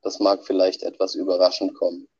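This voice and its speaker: Nasal man with a cold in low-quality playback. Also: completely flat delivery, fairly quick, darkish tone, husky. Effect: low-quality audio file played back on a podcast. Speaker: podcast regular sending a birthday message. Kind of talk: prepared spoken message. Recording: dull lo-fi playback.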